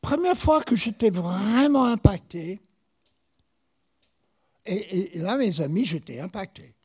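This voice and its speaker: Animated American-accented man preaching. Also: high voice, unhurried, breathy edge. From United States. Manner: animated storytelling with repeated words. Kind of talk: sermon.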